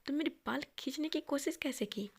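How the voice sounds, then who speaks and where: A woman voicing a stubborn, sharp-tongued young man who answers back in quick, half-whispered retorts. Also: sits high. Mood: bickering.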